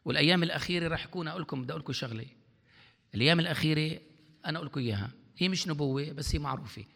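A man preaching a sermon in a church hall, fervent, swinging between loud exhortation and quiet asides. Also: fairly high pitch, very fast, creaky. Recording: long hall reverb.

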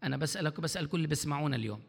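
A man's voice: a little high, animated, rapid-fire, creaky. A man preaching a sermon as pastor, throwing out questions for the congregation to answer. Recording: long hall reverb.

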